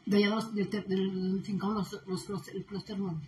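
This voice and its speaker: Woman, quiet conversational asides, roomy echo, light noise. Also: medium pitch, level tone, brisk. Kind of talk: casual chat. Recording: echoey room with faint noise.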